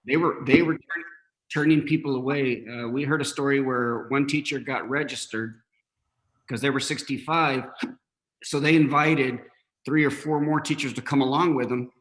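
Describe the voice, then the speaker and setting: A man speaking as a school district superintendent at a board meeting, halting, with many fillers and restarts, and troubled by hiccups. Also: mid-range voice, a bit bright, low-quality recording.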